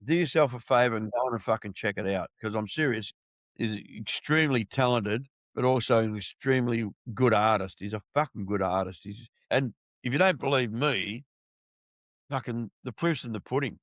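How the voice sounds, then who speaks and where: A man's voice: medium pitch, moderate pace, fairly bright tone, dry recording, clean studio sound. A middle-aged Australian man hosting a casual interview, blunt and full of swearing and mateship talk. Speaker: podcast host.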